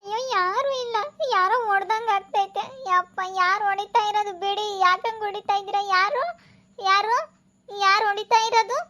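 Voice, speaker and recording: A woman playing a frightened, indignant village housewife who scolds in shrill complaints, with a rural central Karnataka accent in a village comedy skit. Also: fairly even intonation, moderate pace, pushed and bright. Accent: rural central Karnataka Kannada.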